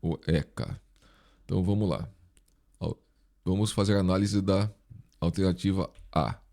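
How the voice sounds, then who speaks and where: At a normal speed, a Brazilian man talks in a low-pitched, gravelly voice with a dark tone. He works as an instructor and online video host, here teaching an informal exam review, and a dental retainer slightly impedes his speech.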